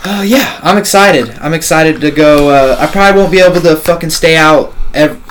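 A very high man chatting casually in a slangy, sweary stoner manner. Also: moderate pace, noisy background. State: very high on cannabis. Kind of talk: casual chat.

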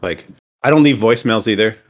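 A man's voice: fairly low pitch, fairly quick. A young American man hosting a casual group podcast, bantering in a slangy, swearing frat-bro way. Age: young adult. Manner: bro-heavy frat-boy slangy talk, swearing freely. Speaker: podcast host.

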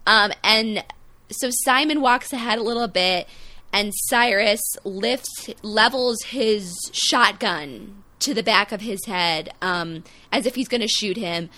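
Bright, chatty woman podcaster. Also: medium pitch, slow. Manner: chatty, animated, frequent "um" and "like". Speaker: podcast co-host. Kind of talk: casual chat.

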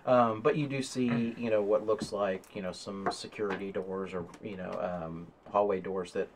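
A man's voice: on the low side, fairly even intonation, moderate pace, noisy background. Rambling male game master. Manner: rambling, many fillers and restarts. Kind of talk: narrating a tabletop game.

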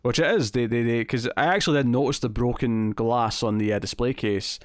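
A man's voice: mid-range voice, steady tone, brisk, no room sound. Chatty Scottish man, dry sound. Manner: chatty, many fillers and repeated starts. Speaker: podcast co-host reviewing an episode. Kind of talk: casual chat.

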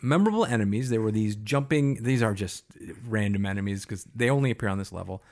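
A man's voice: lowish voice, expressive, darkish tone. Laughing, swearing casual male co-host. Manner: laughing, swearing, quick asides. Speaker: podcast co-host. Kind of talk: casual game-retrospective chat.

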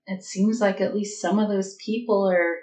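A woman's voice: medium pitch, fairly even intonation, moderate pace, natural voice. Woman playing wry, roguish adventurer Quell. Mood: earnest. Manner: gently teasing, reflective. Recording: echoey room.

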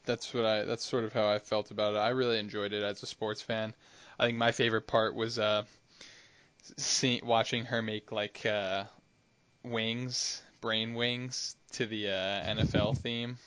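A man's voice: fairly low pitch, flat delivery, unhurried, fairly bright tone, smooth, no room sound. A man hosting a TV podcast in casual chat, asking the others loosely for their thoughts. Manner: asks questions, casual and loose.

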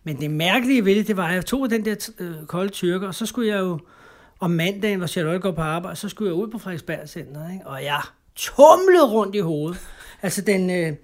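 Animated and high-pitched, this middle-aged Danish interview guest tells his personal story in conversation. His speech halts and repeats, and he caps lines with tag questions.

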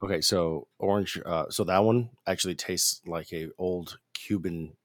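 A man's voice: low-pitched, fairly even intonation, a little slow, dry recording, studio quality. A man from the United States cohosting a podcast, chatting in an easygoing way with a lot of fillers. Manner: laid-back, easygoing, lots of fillers. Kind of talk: casual podcast chat.

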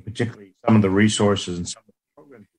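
A man's voice: lowish voice, steady tone, fast talker. A man joining a meeting over a call line that glitches and cuts out, speaking hesitantly and repeating words as he restarts. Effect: glitchy call audio that breaks up and cuts out. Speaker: participant on a conference call. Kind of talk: casual meeting talk. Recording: breaking-up conference call line, sounding far off.

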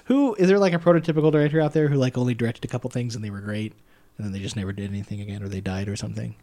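Male co-host, rapid delivery, joking and opinionated, casual podcast banter. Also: medium pitch, dark tone. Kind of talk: casual movie podcast chat.

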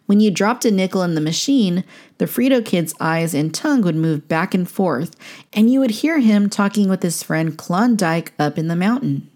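A woman's voice: fairly low pitch, expressive, moderate pace, darkish tone. A woman narrator reading a scripted documentary.

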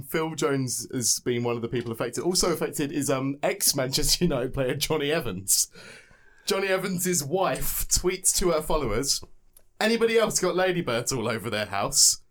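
Young English guy, casual storyteller, keeps cracking up, lively pitch. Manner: giggly, often breaks into laughter. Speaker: podcast co-host telling a story. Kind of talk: casual chat.

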